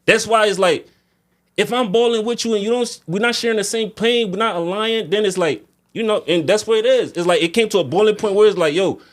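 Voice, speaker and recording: High-voiced man, slangy and emphatic. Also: brisk. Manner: slangy, emphatic, repeats phrases for stress. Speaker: music artist guest. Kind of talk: casual conversational venting.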